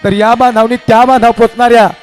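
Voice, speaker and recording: High-voiced impassioned male kirtan preacher. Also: level tone, fast, faint music behind. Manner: impassioned, storytelling with acted dialogue. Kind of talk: devotional kirtan sermon. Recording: live hall with reverb and instruments.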